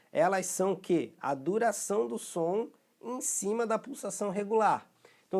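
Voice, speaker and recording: In this recorded rhythm lesson, a Brazilian Portuguese-accented man with a fairly high, slightly mellow voice explains every step patiently. He frequently stops to check that his students are keeping up.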